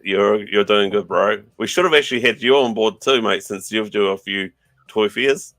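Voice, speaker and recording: Bright-voiced bloke with broad Kiwi accent. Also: male voice, on the low side, moderate pace, no room sound. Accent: broad New Zealand. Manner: blokey, matey, slangy address. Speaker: podcast host. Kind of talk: casual chat.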